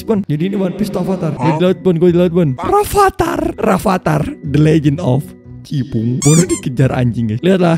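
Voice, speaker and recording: A young man doing excitable, slangy let's-play commentary, bantering with a teammate and yelping at the game. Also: a little high. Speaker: gaming YouTuber.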